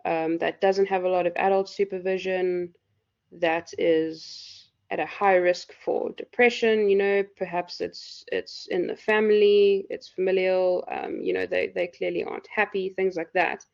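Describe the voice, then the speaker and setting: A woman lecturer with a hoarse, croaky voice, explaining loosely with lots of fillers in a live university class. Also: on the low side, flat delivery, a little slow, darkish tone. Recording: dull lo-fi recording.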